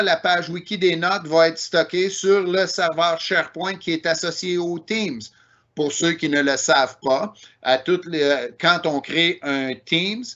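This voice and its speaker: Giving a technical presentation online, a man with a Québécois French accent explains things step by step, filling gaps with frequent "euh" and "ben." His voice is slightly high and a bit bright, and the sound quality is lo-fi.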